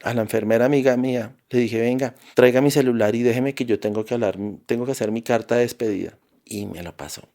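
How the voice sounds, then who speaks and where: A man's voice: medium pitch, quick pace, dark tone. A Colombian man, a podcast guest, tells a personal story in a vivid, intense way with frequent restarts. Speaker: interview guest.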